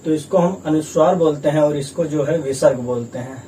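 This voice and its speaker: Teacher explaining slowly from across room. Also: male voice, a little high, warm tone. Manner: patient, repetitive explaining, sounds out letters slowly. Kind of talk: grammar lesson at a board. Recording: distant mic with faint room noise.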